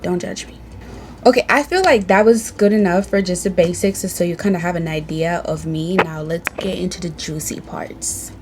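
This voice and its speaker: Speaking at normal speed in a fairly low voice, a young Tanzanian woman chats to camera in a casual get-to-know-me video while music plays in the background. The beauty vlogger is indoors at home reading from a tablet, and her manner is bold, playful and sassy.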